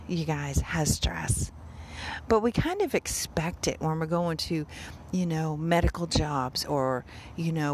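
A woman's voice: fairly low pitch, slight background noise. A woman hosting a motivational podcast, speaking directly and conversationally to her listeners. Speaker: podcast host.

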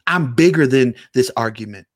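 A man's voice: medium pitch, lively intonation, normal speed, no echo, clean studio sound. A man co-hosting a motivational talk, preaching in emphatic, repetitive phrases. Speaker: co-host.

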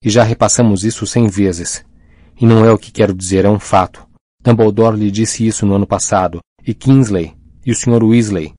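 A defiant teenage boy speaks with dry sarcasm and impatience , as a male narrator gives him voice. The tone is dark and low, read close and dry. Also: fairly even intonation, normal speed, no room sound, lightly acted. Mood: impatient.

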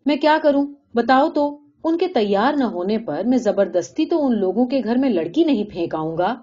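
A weary middle-aged village father, grumbling and reluctant, voiced by a woman reader. The tone is raised and mellow. Dull lo-fi recording. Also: a little high, expressive.

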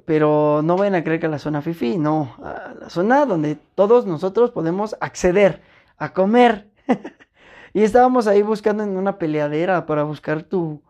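Mellow-voiced Mexican woman telling stories. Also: fairly low pitch, moderate pace, highs cut off. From Puebla, Mexico. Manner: animated, slangy, acts out other people's lines. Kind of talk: casual chat, storytelling.

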